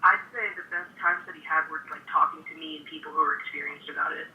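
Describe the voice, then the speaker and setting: A woman's voice: deep voice, fast talker, recorded from a distance, a little hiss or hum. A woman chiming in on a phone call to a show, eager and chatty. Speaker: caller's girlfriend. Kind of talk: casual phone call-in chat. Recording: tinny echoey phone line.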